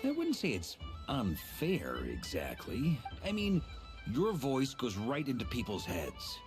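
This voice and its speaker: A woman's voice: very deep voice, wildly swooping pitch, takes it slowly, full character voice. A woman voicing an earnest, flustered young knight in a video game, defensive and hedging. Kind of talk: anime-style video game character acting. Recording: music behind voice.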